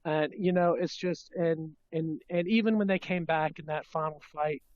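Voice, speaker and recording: A man chatting casually as a podcast host about films, halting and restarting, with a congested smoker's rasp from being under the weather. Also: fairly high pitch, steady tone. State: sick, coughing under-the-weather voice. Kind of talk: casual film fan chat. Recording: dull lo-fi, dry sound.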